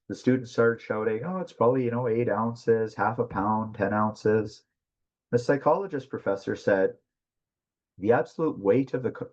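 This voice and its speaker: A man presenting a mental health webinar in a conversational teaching style, talking fast and often checking in with "right?". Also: fairly low pitch, dull audio.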